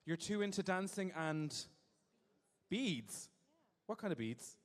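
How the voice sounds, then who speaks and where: A man's voice: high voice, expressive, slow pace. A man hosting a live show, doing playful, campy crowd work with a handheld mic in a large venue. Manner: playful, teasing, camp. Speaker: host. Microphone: handheld microphone. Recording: echoey hall.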